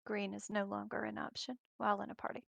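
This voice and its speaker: Woman w/ gravelly midrange voice on a podcast call, calm and plain, dry sound. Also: medium pitch, quick pace, no echo. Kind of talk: casual podcast chat.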